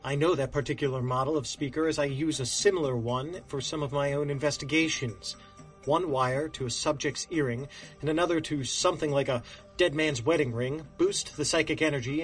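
An actor playing a wary occult detective in an audio drama, with a formal, wordy, dry way of talking. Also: male voice, on the high side, brisk, faint music behind, natural voice. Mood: urgent, formal.

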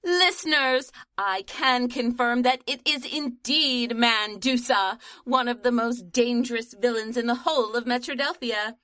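A woman's voice: on the high side, unhurried, few pauses, sharp tone, no echo. A woman playing a self-important female radio news reporter who narrates events dramatically in a comedic audio drama. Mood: dramatic.

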